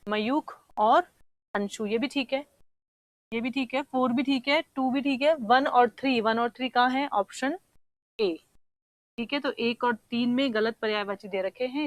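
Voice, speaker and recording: A woman's voice: fairly high pitch, dry recording, rough recording. A woman teacher going through exam answers, explaining spelling patiently and often checking in with her students. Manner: sounds words out slowly to show the spelling. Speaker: Hindi teacher. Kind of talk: exam paper discussion.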